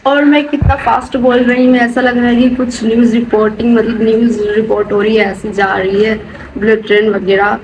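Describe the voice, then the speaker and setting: A woman's voice: on the high side, little pitch movement, a little fast, dull audio. A young woman chatting casually and at length while cooking, recorded on a phone in her home kitchen. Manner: rambling, talkative, peppers speech with "matlab" and "yaar". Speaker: vlogger. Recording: noisy phone recording with room ambience.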